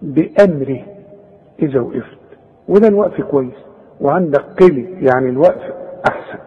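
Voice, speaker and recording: High-voiced Egyptian man teaching recitation. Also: expressive, a little fast, husky. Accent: Egyptian Arabic. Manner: drills sounds, models correct and wrong pronunciations, chiding. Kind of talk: tajweed lesson with corrections. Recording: echoey, dull lo-fi tape recording.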